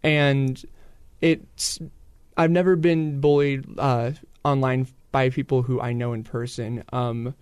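A teenage boy on a radio panel, speaking hesitantly with many pauses and restarts. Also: mid-range voice, level tone, a little mellow, clear, resonant tone, no room sound. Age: teens. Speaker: teen panelist. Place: radio studio.

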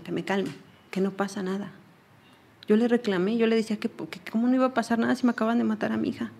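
Earnest Mexican woman giving testimony. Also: medium pitch. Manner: earnest, repeats herself while retelling. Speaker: interviewee. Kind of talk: personal testimony.

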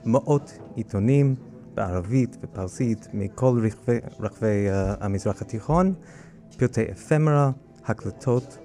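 A man from the United States with a strong American, native-English accent in Hebrew, explaining things in an interview in a halting way with frequent hesitations. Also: fairly low pitch, mellow, soft background music. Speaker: guest curator of a library collection.

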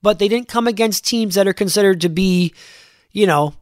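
A congested man with a high voice hosts his sports podcast from a close mic in a very dry room. He talks loosely, with plenty of fillers and restarts. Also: moderate pace, no room sound. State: congested, under the weather. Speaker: podcast host. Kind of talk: casual podcast talk.

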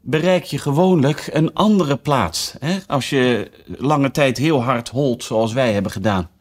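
A man's voice: medium pitch, measured pace, lightly acted. A man voicing a curious, polite young girl who talks eagerly and with a lot of wonder.

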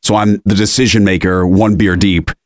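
A man's voice: lowish voice, normal speed, no room sound, clean studio sound. A man co-hosting a podcast, telling a story in casual chat and acting out the voices of people in it. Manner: animated storyteller, acts out quoted voices. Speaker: podcast co-host.

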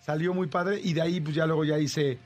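A man's voice: fairly high pitch, a little fast, soft background music. A man with a Mexican Spanish accent, a radio host and voice actor, telling a story in casual chat and acting out the dialogue. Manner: animated, acts out dialogue with shifting voices.

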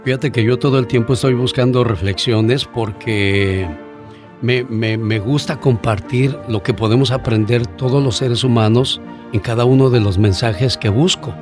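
A man's voice: medium pitch, music in the background. A man, a guest on an interview show, telling stories in a casual, earnest way with fillers. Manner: warm storyteller, earnest, pauses with fillers.

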